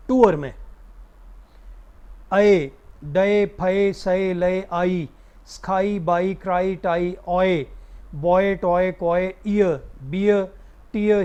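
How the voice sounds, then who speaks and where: A man's voice: high voice, darkish tone, clear, resonant tone. A man giving a phonetics lecture recap. He mixes Urdu-Hindi with English terms and calls out sounds and example words one by one.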